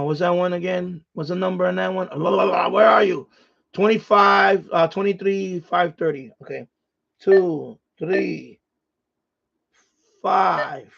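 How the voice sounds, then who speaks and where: A man hosting a casual amateur radio live stream, shifting between muttering to himself and louder call-outs. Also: high-pitched, creaky. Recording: dull, lo-fi sound.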